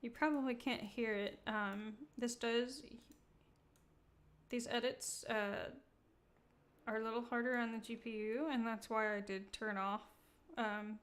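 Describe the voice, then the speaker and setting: A woman hosting a live-streamed software tutorial, talking casually with many fillers and laughing at her own slips. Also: a little high, fairly even intonation, unhurried. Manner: casual, chatty, many ums, laughs at herself. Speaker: software demo host. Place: indoor room.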